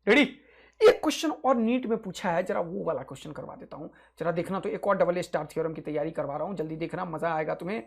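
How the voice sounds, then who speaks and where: A male physics teacher giving an exam-prep lecture, energetic and rousing, repeating key points to his students. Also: on the high side, fast, gravelly.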